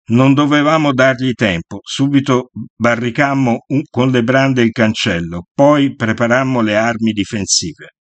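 A man narrating a first-person memoir in a steady, measured storytelling voice. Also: medium pitch, dry recording, dull audio.

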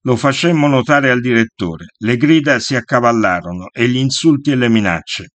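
A man narrating a first-person memoir in a steady, measured storytelling voice. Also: medium pitch, no room sound.

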